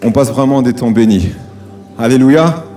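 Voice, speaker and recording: Male worship leader over soft music. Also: medium pitch, moderate pace. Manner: exhorts the congregation with calls for amen. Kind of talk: leading worship.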